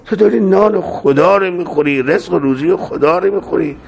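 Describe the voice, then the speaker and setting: A man's voice: high-pitched, vocal fry, slightly rough. A male preacher telling a dramatic story in a sermon, quoting Arabic scripture.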